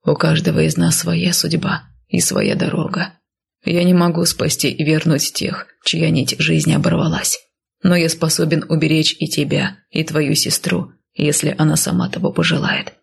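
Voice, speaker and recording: A low, husky male figure in whispered role-play, possessive and commanding yet tired, as a woman puts him on. The whisper is gravelly and raspy. He speaks in a flat, even line. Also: normal speed, full character voice. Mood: tender, possessive. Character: possessive man, weary and commanding.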